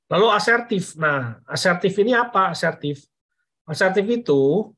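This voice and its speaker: A man's voice: a little high, a bit bright, slightly rough. A man giving a casual parenting lesson to parents over slides, repeating phrases and checking in with "oke?". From Indonesia. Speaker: parenting educator.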